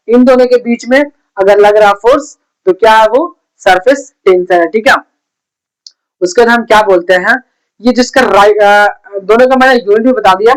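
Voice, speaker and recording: A man's voice: high-pitched, clean tone, low-quality recording. A man teaching pharmacy in a casual explainer lesson, often asking the listener questions and checking in with "okay?". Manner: repeats "thik hai" and quizzes the viewer with questions. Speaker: pharmacy tutor.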